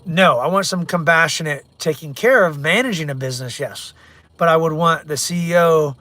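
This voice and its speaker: A middle-aged man talks bluntly from inside his car, his voice bright and forceful, pitched a little high for a man. He rambles casually through viewer comments as a livestream host, with the hum of the vehicle behind him. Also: moderate pace, no echo. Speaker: real estate agent. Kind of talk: casual livestream chat while driving.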